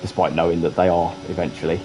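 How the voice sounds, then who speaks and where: A man's voice: sits low, little pitch movement, fast talker, over music, low-quality recording. A man giving casual, chatty commentary while streaming a racing game, with dry asides.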